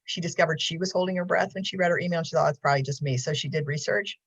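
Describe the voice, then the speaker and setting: A mental health counselor gives a casual talk on a video call, her low, breathy-edged voice racing along with lots of ums and frequent laughter. The call audio is dull and lo-fi.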